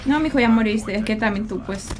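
A woman's voice: mid-range voice, a little fast, noisy background. A young adult woman with a Mexican accent, chatting casually and teasing her viewers while she plays a game on a livestream. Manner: slangy, teasing, reads out and greets chat while playing. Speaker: streamer. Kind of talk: casual gaming livestream chat.

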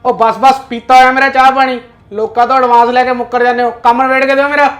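A man as a Punjabi creditor, insistent and quick to anger, high voice, rapid delivery, faint music behind. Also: fairly even intonation, natural voice. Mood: furious. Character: aggrieved male businessman, hot-tempered creditor. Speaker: client owed an order. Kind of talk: web drama acting.

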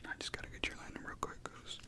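Young guy whispering a barber role-play, chill slangy chatter, small room at home. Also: fast. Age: young adult. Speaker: ASMR creator playing a barber.

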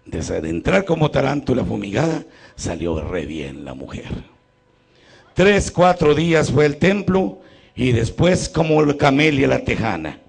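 A man's voice: medium pitch, sing-song, a little slow, creaky, husky. A man with a Mexican Spanish accent, a priest telling a folksy, joking story in a sermon at a church healing retreat.

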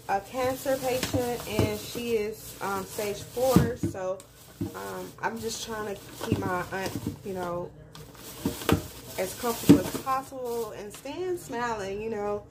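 A woman, chatting casually to viewers about her grocery haul from her home kitchen. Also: mid-range voice. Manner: chatty, folksy, addresses viewers directly. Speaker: vlogger. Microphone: phone camera in front. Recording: noisy home phone recording.

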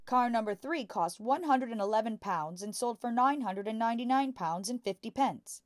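A woman voicing a boastful, bullying father who deals in crooked cars, in a loud, hectoring manner for a storybook. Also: fairly high pitch, animated, normal speed, no room sound, clean studio sound, voice pushed up, natural voice. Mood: brisk, commanding.

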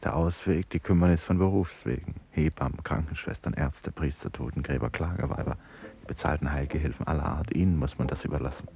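In a German radio play, an actor delivers the inner monologue of a haunted, brooding man lost in thought, musing in fragments and at times almost whispering. His very deep voice is gravelly and mellow, moving a little fast.

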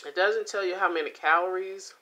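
A middle-aged woman chatting casually to the camera as she reviews food at home, with an unhurried manner. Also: on the low side, sharp tone. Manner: unhurried, talking between bites with pauses and mm sounds. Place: indoors, small home room. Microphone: camera or phone at about arm's length.

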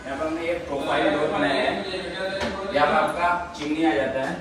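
A man's voice: on the high side, steady tone, normal speed, over a noisy crowd. A young man giving a walking tour of a finished apartment, plainly pointing out fittings one by one as an interior contractor. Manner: plain, matter-of-fact pointing out of features. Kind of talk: walkthrough tour, explaining fittings. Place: large empty apartment with bare walls, indoors. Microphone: camera mic, filmed while walking. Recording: echoey empty rooms, camera at a distance.

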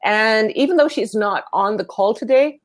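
A woman's voice: on the high side, normal speed. A woman hosting a casual live video chat, bubbly and laughing often as she talks. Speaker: host.

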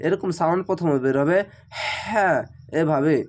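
Teacher spelling out Quran words. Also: male voice, a little high, darkish tone. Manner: spells each letter and vowel, then slows to chant the whole word.

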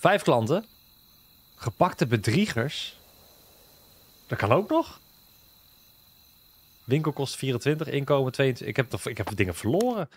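Here the same kind of let's-play host speaks at a medium pitch with big swings, a husky tone, an unhurried pace and long pauses. He casually comments on his game while joking with the characters on screen.

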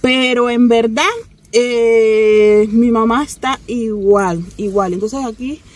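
Speaking slowly in a voice on the high side, a Cuban woman in her thirties tells her phone camera a story from the back seat of a car. This vlogger from Cuba has a Cuban Spanish accent, talks in a chatty, animated way, laughs often, and holds the phone at arm's length.

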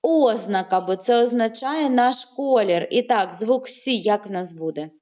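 A woman's voice: a little high, lively intonation, a little mellow. Patient woman teacher on a video call. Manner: slow, drawn-out syllables when saying words aloud; patient, encouraging praise. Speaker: primary school teacher. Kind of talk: online lesson for young children. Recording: muffled online call audio.

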